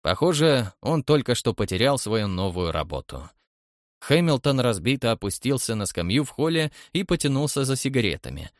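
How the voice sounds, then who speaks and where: A man narrating an audiobook with an animated, characterful delivery. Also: medium pitch, moderate pace, no room sound, clean studio sound. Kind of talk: expressive audiobook reading.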